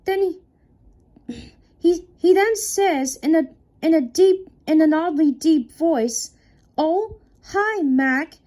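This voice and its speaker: A woman tells a creepy fan horror story, halting and restarting often. She speaks slowly in a high, mellow voice. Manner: slow, halting, frequent restarts. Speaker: creepypasta narrator. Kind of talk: unscripted horror story reading.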